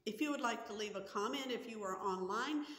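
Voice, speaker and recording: A woman in her sixties, a pastor speaking slowly and earnestly as she preaches and prays in a small church sanctuary. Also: a little high, fairly bright tone. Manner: slow, earnest and measured, with gestures. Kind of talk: sermon and prayer. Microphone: camera in front at chest height. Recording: echoey church hall with long reverb.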